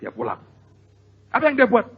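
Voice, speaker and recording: A male pastor preaches in an animated, storytelling manner, often turning to address the congregation. His voice is husky and sits high, with pitch that swings widely. The recording is dull and lo-fi. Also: moderate pace. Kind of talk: sermon.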